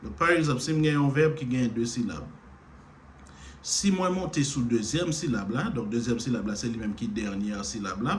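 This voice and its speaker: A man's voice: medium pitch, slight background noise. A Haitian man teaching English grammar in a patient lesson style, repeating words to stress their syllables. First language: Haitian Creole. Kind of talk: slow explanatory lesson.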